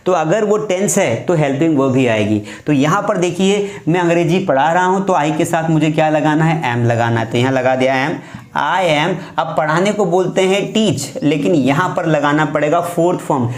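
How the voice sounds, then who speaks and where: A man's voice: fairly high pitch, moderate pace. Man teaching grammar in an echoey room. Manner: explains step by step, repeats examples. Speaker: English teacher. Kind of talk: classroom grammar lesson.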